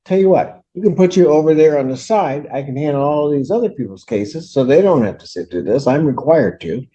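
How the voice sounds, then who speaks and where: Stern judge, slightly high male voice. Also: expressive, brisk, dark tone, highs cut off. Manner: stern, curt, admonishing. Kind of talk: courtroom proceedings. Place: courtroom.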